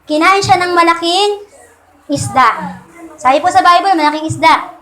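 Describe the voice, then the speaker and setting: A woman's voice: extremely high pitch, moderate pace, bright, forceful tone. A woman preaching as she retells a Bible story in a casual way, politely asking her listeners questions again and again.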